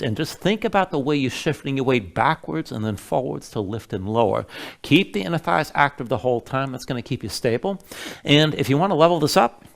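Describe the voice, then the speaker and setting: A man's voice: on the high side, gravelly. A man instructing a yoga class, giving step-by-step cues in a casual, informal way.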